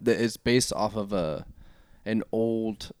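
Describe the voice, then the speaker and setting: A man's voice: fairly low pitch, slow, a little mellow, smooth, no room sound, studio quality. Joking young man co-hosting a podcast. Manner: joking, teasing, laughs often. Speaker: podcast co-host. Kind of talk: casual chat.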